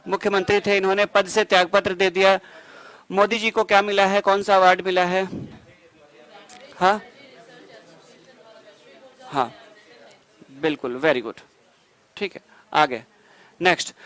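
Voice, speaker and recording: A male exam-prep teacher from India giving a rapid current-affairs revision lecture, quizzing students with quick questions, answering them himself and dropping jokey asides. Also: high voice, fairly bright tone, poor audio. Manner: asides and jokes between facts.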